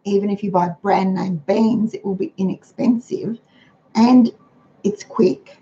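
An older Australian woman runs a casual frugal living livestream at her dining room table, unhurried and chatty in a homely way. Her voice is hoarse and croaky but mellow and steady in tone. A webcam on her computer records it, leaving the sound dull, lo-fi and faintly noisy.

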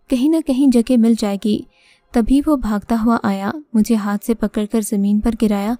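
A woman's voice: on the high side, mellow, no room sound. Dramatic woman narrating horror. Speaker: storyteller. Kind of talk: scripted first-person horror narration. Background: faint music.

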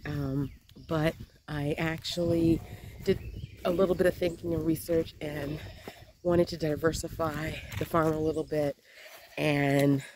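A woman in her thirties filming herself on a phone at an outdoor farm pen, talking in a relaxed, unhurried way with many ums and restarts while goats and sheep bleat around her. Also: sits low. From Panama. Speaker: farm vlogger. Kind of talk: casual vlog walkthrough. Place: outdoor farm, open-sided animal pen. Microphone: phone held at arm's length. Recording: loud bleating animals and outdoor noise. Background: goats and sheep bleating loudly.

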